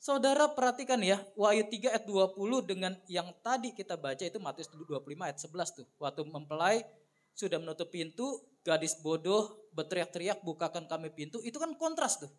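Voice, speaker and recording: A male pastor preaching a sermon in an animated way, often turning to the congregation with questions. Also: high voice, brisk. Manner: animated, constantly addresses the congregation.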